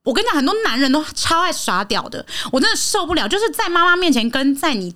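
A woman's voice: sits high, fast. A woman, hosting a podcast and telling a personal story in casual chat, acting out the quotes she tells. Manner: animated, acts out quotes in raised voice. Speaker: podcast host.

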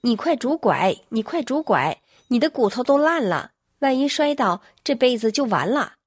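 A woman's voice: on the high side, sing-song, moderate pace, husky, no echo, clean studio sound. A woman voicing an anxious older brother who calls out urgent warnings, read within a spoken story. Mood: alarmed.

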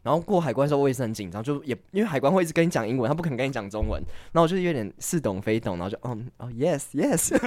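A man in casual podcast chat, telling a rambling personal story with fillers and quick laughs. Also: medium pitch, expressive, a little mellow, dry recording. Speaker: guest.

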